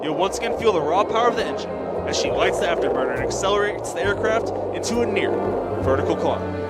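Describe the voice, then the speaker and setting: High-pitched male air show announcer. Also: lively intonation, fast talker. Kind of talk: scripted air show commentary over loudspeakers. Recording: loud music and engine noise behind. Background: loud music, vehicle sounds.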